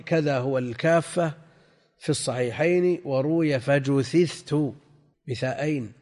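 An older man teaching a classical text lesson, reading passages slowly, repeating and spelling out word forms, and putting questions to his students. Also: medium pitch, a little mellow. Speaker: sheikh teaching hadith commentary. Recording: lecture hall with long reverb.

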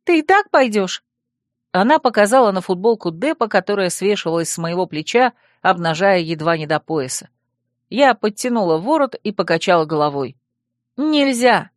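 A woman's voice: on the low side, animated, a little fast, dry recording. Woman narrating an audiobook, dry sound. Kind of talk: first-person audiobook narration.

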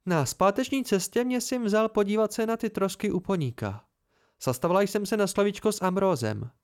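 A man voicing a sharp-tongued, teasing young woman in a storybook reading, raising his voice into a higher, mocking tone. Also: animated, smooth. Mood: amused, teasing. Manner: mocking, playful.

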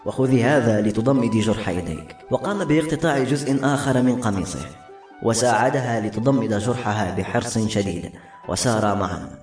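A man reading a novel aloud as an audiobook narrator, steady and brisk. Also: mid-range voice. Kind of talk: scripted narration. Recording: echoey room, faint music. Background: faint music.

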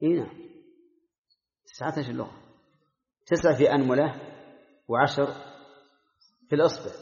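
A man's voice: medium pitch, normal speed, creaky, a little mellow. Older male teacher in an echoey hall. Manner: drills pronunciations aloud, quizzes students by name. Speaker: Islamic scholar teaching a class. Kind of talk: classroom lesson with questions to students. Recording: dull lo-fi recording in an echoey hall.

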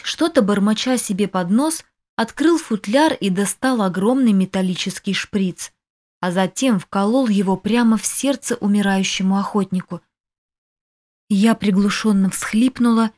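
Here an audiobook narrator, a woman, voices a novel told in the first person with emotive storytelling. Her pitch sits in the middle range, and she sounds slightly mellow.

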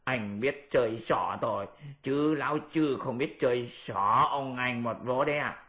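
A man's voice: mid-range voice, unhurried, fairly bright tone, lightly acted. A man voicing a lazy, sly male pig-monk with a grumbling manner in an audiobook. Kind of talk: audiobook character voice.

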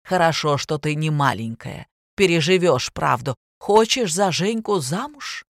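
A bitter, drunk middle-aged woman from an audiobook, loud and scornful, stretching her words out slowly, as a woman reader puts her on. Her voice is dry and close, without room sound. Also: low-pitched, lively intonation, no room sound. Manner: shouting, mocking, drawn-out slow delivery.

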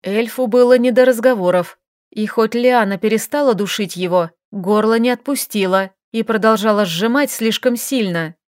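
A woman narrating an audiobook in a lively, expressive storytelling manner. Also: fairly high pitch, normal speed, no room sound, clean studio sound. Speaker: audiobook reader. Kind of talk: scripted narration.

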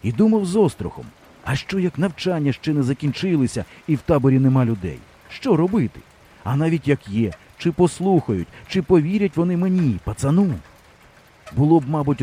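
Expressive man reading a story. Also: fairly high pitch, breathy edge. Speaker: audiobook narrator. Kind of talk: scripted narration.

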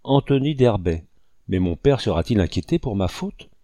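A man's voice: on the low side, lively intonation, moderate pace, mellow, no echo, clean studio sound, lightly acted. A man reading aloud, voicing a frightened, remorseful lost young boy who pleads tearfully. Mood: timid. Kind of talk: audiobook character reading.

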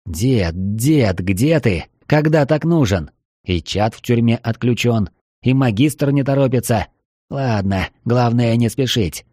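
A man narrating a fantasy audiobook in an even, measured way. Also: mid-range voice, no room sound, clean studio sound. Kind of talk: scripted narration.

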